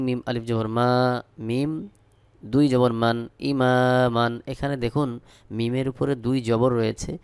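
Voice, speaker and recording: A Bangladeshi man teaching Quran reading, spelling out each letter slowly and then chanting the verses. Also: medium pitch, gravelly, darkish tone, clean tone, dry recording. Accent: Bangladeshi Bengali. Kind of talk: spelling out Quran recitation lesson.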